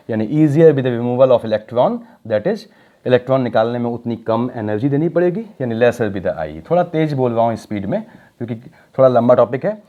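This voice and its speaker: In a recorded chemistry lecture, a medium-pitched man works step by step at the board, asking the class rhetorical questions. Hindi and English technical phrases intermix as he lingers on key words. Audio quality is dull and lo-fi.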